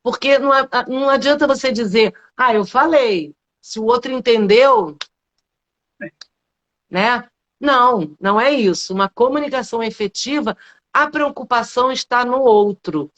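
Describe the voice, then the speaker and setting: A middle-aged Brazilian woman with a slightly high voice, speaking as a public speaking coach in an explanatory way. She keeps posing rhetorical questions and checking in with quick tag questions. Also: a bit bright, highs cut off. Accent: Brazilian Portuguese. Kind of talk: explanatory talk in a live interview.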